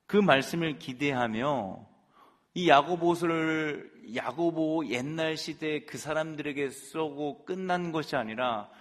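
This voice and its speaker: A man's voice: a little high, takes it slowly. A man preaching a sermon as pastor, earnestly speaking straight to his congregation. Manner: earnest, addresses the congregation directly. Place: church sanctuary. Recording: long reverb in a large hall, with faint music.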